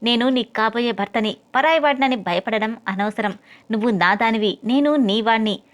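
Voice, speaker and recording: A confident young suitor from an audio novel, voiced by a woman reader in her own fairly high voice. He speaks in a self-assured, possessive, taunting way. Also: normal speed, lightly acted. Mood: teasing. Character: bold, teasing young man, her suitor.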